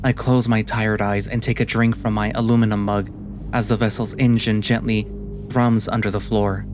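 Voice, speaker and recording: Quiet, low-voiced weary animal sailor, brooding man narrating. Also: lightly acted. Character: weary, guilt-ridden anthropomorphic animal sailor, male, brooding. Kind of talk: quiet, scripted first-person audio story narration.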